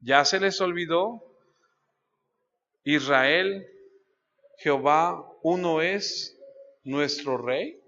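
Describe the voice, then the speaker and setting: A man preaching an expository Bible study sermon, reading scripture aloud and speaking straight to his listeners, dropping low for emphasis. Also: extremely slow, pauses often, pushed and bright, in a large hall, highs cut off. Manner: reads scripture aloud, then addresses listeners directly. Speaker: pastor. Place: church.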